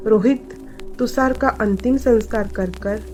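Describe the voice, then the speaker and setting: A woman narrating a family drama story in a measured, scripted storytelling manner. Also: fairly high pitch, mellow, soft background music.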